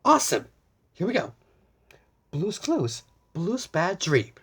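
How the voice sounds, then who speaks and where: Someone reads a picture book to young children at a medium pitch that swoops wildly, speaking slowly in a fairly bright, slightly rough tone. They occasionally stumble or repeat words, act full of exaggerated wonder, and ask the young viewers questions.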